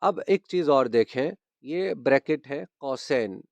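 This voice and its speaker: A man's voice: medium pitch, lively intonation, a little mellow, no echo. A man teaching a grammar lesson, patiently repeating key terms and checking that his students understand. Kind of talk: grammar lesson explaining punctuation.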